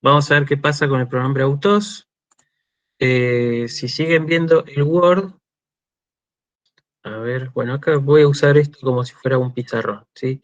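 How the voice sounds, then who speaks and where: A man giving an online university lecture, slow and deliberate, checking in often with his students. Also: mid-range voice. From Argentina. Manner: slow, checks in with frequent "¿sí?" and "este" fillers. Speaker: university lecturer in Greek language and culture.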